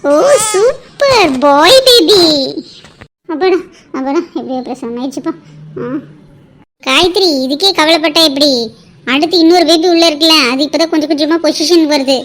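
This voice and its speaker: A woman voicing a brisk, commanding cartoon doctor urging a patient to push. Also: high voice, a bit bright, slight background noise.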